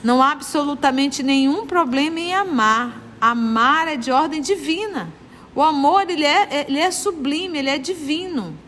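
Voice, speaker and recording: Earnest Brazilian study leader from Manaus, high-pitched woman, preaching tone, reverberant room. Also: moderate pace, a bit bright, slight background noise. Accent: Brazilian Portuguese, Manaus. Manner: earnest, moralizing, repeats points for emphasis. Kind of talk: spiritist study lecture.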